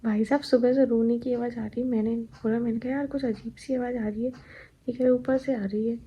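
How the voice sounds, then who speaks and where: A woman's voice: fairly high pitch, steady tone, a little fast, slightly rough, dull audio. A young pregnant woman chatting at home about her day, tired and laughing now and then as she tells stories. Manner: chatty, laughing, recounting daily life. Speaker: vlogger. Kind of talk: casual chat.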